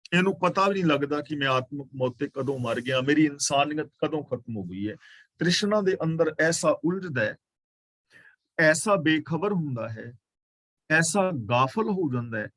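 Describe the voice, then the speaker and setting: Male preacher with a Punjabi accent, fairly high voice, slowly chanted verses then plain explanation, dry close recording. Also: no room sound. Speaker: katha preacher. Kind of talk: scriptural exposition.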